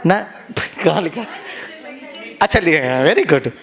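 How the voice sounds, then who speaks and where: A middle-aged man giving an animated seminar talk to doctors in a conference hall, mixing Hindi and English and acting out quotes. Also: a little high, slow. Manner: audience call-and-response. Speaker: motivational trainer.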